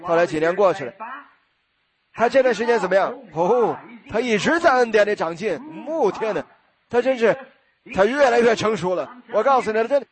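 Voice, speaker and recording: Guy preaching a story sermon, quick and high-pitched, gets loud and animated. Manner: animated, acts out voices, bursts into shouts.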